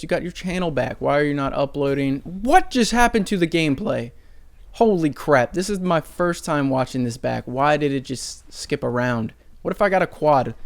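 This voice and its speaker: Male gaming commentator, gravelly, rambling and casual, pokes fun at himself. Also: medium pitch. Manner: rambling, self-mocking, chatty.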